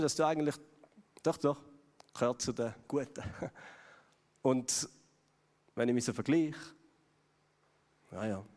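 A man's voice: medium pitch, a little mellow. A man with a Swiss German accent preaching a sermon in a conversational way, putting questions to his audience. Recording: long hall reverb.

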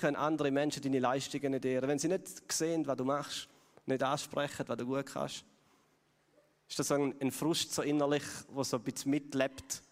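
Brief: Swiss German male preacher, slightly high voice, chatty sermon delivery, long church-hall reverb. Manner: conversational, asks the audience questions.

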